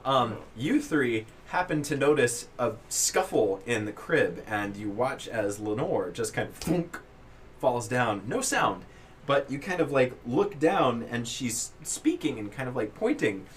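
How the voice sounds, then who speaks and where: A man acts as game master, telling a tabletop role-playing story in halting, drawn-out description. His pitch sits in an ordinary middle range. Some background noise runs behind him. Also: expressive.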